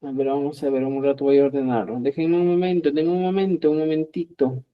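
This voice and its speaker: A middle-aged man teaching a live Quechua lesson, lively and acting out both sides of short dialogues, often checking with viewers and calling them dear friends. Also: on the high side, brisk, narrow, tinny audio. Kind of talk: live online language lesson.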